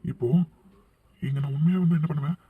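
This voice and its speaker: Woman voicing a deep, teasing young male lover. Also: steady tone, brisk, phone-quality sound, natural voice. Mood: coaxing. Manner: playful, coaxing, insistent. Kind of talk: cartoon voice acting.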